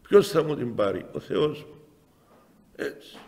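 A middle-aged bishop with a Cypriot Greek accent gives a spiritual talk in a chapel. His voice sits at an ordinary middle pitch and carries a long reverb off the walls. He tells stories, jumping from loud cries to quiet asides. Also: vocal fry. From Cyprus. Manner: storytelling, lively swings between loud exclamations and soft asides. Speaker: metropolitan bishop. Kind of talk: spiritual talk answering the faithful.

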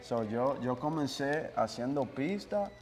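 A young, US-born guest musician chats casually in an interview, relaxed and laid-back, slipping English words into his Spanish. His medium-pitched voice moves slowly, and a long reverb tail fills the small indoor office with couches.

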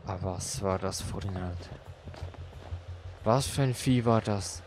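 A man's voice: on the low side, unhurried, a little mellow, a little hiss or hum. A man giving casual horror game commentary as a streamer, scared and jumpy, muttering exclamations. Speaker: gaming streamer, let's play host. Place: small cluttered room at home.

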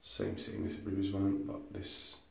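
A man's voice: low voice, very animated, moderate pace, gravelly, dark tone. A man casually guiding viewers through a furnished apartment, pointing out its features one by one as he walks. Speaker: property tour guide. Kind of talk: casual walkthrough tour.

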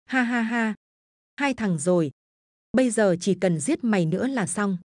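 A woman's voice: mid-range voice, a little slow, a little mellow, no room sound, studio quality, natural voice. A woman voicing a greed-crazed young man who laughs maniacally as he kills, in a spoken horror story. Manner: maniacal cackling.

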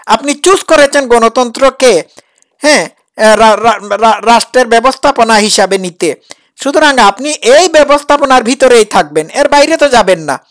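A woman's voice: on the high side, expressive, normal speed. A woman comments on a played clip. She talks in a sarcastic, needling way, pressing her target with pointed questions. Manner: mocking, sarcastic, challenging. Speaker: critic reacting to a preacher's clip. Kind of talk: reaction commentary.

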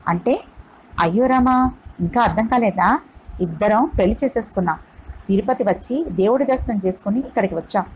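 Lively young woman, read by a woman narrator, frank and teasing, brisk, storybook reading. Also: medium pitch, husky, lightly acted, low-quality recording.

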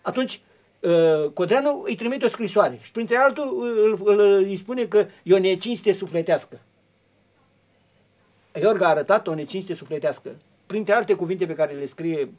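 A man's voice: high-pitched, darkish tone. A man on a television talk show, explaining history in long, rambling turns full of fillers and restarts.

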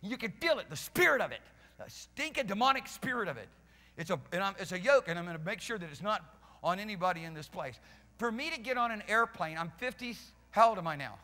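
Speaking fast and with great animation, this man's high, sharp voice carries an emphatic sermon across a church hall. He's a pastor in his fifties, wearing a headset mic as he paces and gestures before a live congregation on a stage with band gear, and the room adds long reverb.

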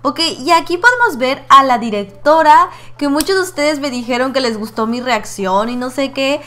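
Young woman reading a dating game out loud, bright voice, jokes between lines. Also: high-pitched, animated, normal speed. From Mexico. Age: 20s. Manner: playful, voices the characters, laughs often. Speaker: gaming YouTuber.

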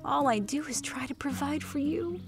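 A woman voicing a gentle, caring mother in an audio drama, speaking warmly and tenderly. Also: high voice, normal speed, music in the background. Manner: warm and tender.

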